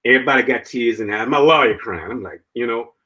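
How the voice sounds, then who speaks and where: A man's voice: mid-range voice, quick pace, breathy edge, rough recording. Man telling his story as a guest. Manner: animated, laughing, peppered with "man" and "you know". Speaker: interview guest. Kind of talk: personal storytelling in conversation.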